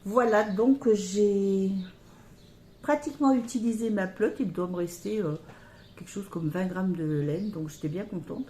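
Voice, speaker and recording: A woman's voice: mid-range voice, dark tone. Chatty woman knitter in an echoey room. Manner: chatty, hesitant, many pauses and fillers. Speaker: knitting podcaster. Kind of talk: casual show-and-tell about knitting. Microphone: camera on a table near her.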